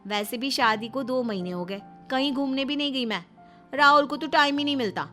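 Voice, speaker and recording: A sneaky young woman in a cartoon family story, voiced by a woman narrator, high and sugary, sweet on the surface while she points blame at others. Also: a little fast, bright, forceful tone, soft background music. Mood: chatty. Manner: sugary, two-faced.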